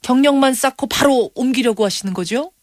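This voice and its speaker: A woman radio news host with a high, fairly quick, slightly mellow voice conducts a broadcast interview, dry recording. She comes across as inquisitive and emphatic, reacting with surprise.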